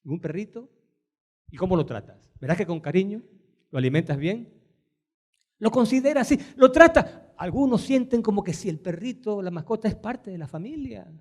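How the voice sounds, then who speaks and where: A man preaching a sermon, dramatic and questioning, dropping soft then rising loud and slow for quoted words. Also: sits high, lively intonation. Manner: asks the listeners many questions. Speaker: pastor.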